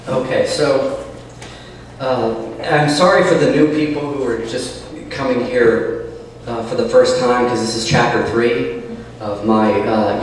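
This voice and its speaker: A man's voice: mid-range voice, distant mic, slight background noise. Guy chatting then reading his novel, cave echo, cheap mic, long reverb, mid voice. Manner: chatty, rambling asides. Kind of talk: casual chat, then reading a novel aloud.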